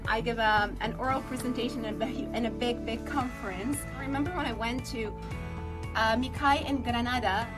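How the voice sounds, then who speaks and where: A woman's voice: fairly high pitch, fairly quick. A woman from Tunisia telling her story as a podcast guest, speaking in a reflective way. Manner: reflective, recalling her past. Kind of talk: interview storytelling. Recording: podcast clip with music behind. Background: music.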